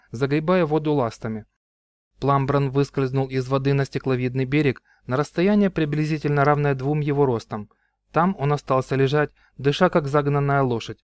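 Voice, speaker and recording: A man's voice: mid-range voice, no echo, clean studio sound. A man reading a fantasy novel aloud as the narrator. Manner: even, clear storytelling. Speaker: audiobook narrator. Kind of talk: scripted narration.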